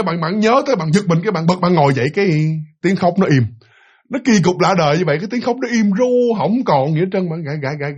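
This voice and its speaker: A man with a Southern Vietnamese accent telling a ghost story in a casual, chatty way, speaking to the listener as "you" and imitating the sounds he describes. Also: high-pitched.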